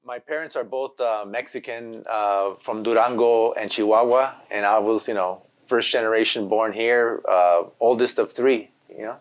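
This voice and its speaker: In poor audio, a man speaks at a moderate pace with a fairly low, steady voice and hardly pauses. A Los Angeles graffiti artist whose native tongue is Spanish, he's a relaxed interview guest who rambles and keeps saying "you know."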